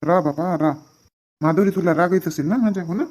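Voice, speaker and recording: A man's voice: fairly high pitch, fairly quick, a little mellow, close to an everyday voice. A man playing a young husband who sulks mildly and pleads with his wife to sit with him in a comedy sketch.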